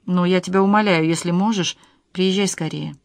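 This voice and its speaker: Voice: medium pitch, fairly even intonation, moderate pace, creaky, no echo, lightly acted. A reader voicing a trembling, frightened old woman. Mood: pleading. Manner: hushed, trembling pleas. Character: frightened elderly woman friend pleading.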